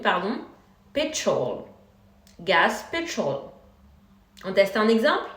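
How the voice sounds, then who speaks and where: A woman teaching English car vocabulary, speaking slowly and clearly and repeating each word for her learners. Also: medium pitch, fairly bright tone, roomy sound. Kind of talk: vocabulary lesson.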